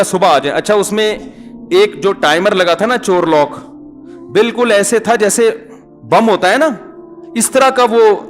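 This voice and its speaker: A middle-aged male preacher tells funny stories in a relaxed, chatty way, often calling his listeners brother. His voice sits a little high for a man. Soft music plays faintly behind him. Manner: chatty, humorous anecdotes, addresses listeners as brother. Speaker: Islamic scholar and preacher. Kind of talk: storytelling religious talk.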